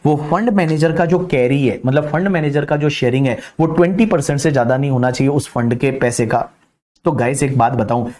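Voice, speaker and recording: A man giving an exam-prep tax lecture. He reads legal text slowly, then paraphrases it quickly and repeats each point several times. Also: fairly high pitch, a little mellow.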